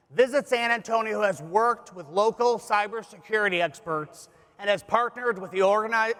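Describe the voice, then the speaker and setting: A man's voice: sits high, a bit bright. A man giving a scripted keynote presentation with a polished, upbeat corporate promotional delivery. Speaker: tourism executive giving a keynote speech. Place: large conference hall on stage. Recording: echoey large hall with audience.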